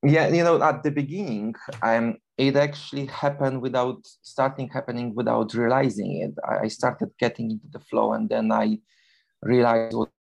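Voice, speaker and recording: Gravelly Polish-accented man, halting speech. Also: medium pitch, fairly even intonation. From Poland. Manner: hesitant, many fillers and restarts. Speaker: guest, long-distance runner. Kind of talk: casual interview talk.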